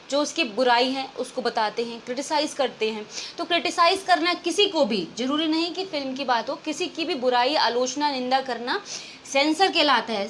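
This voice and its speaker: High-voiced woman teaching vocabulary in Hindi. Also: a bit bright, slight background noise. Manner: explains in Hindi mixed with English, often asks and answers her own questions. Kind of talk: exam-prep vocabulary lesson.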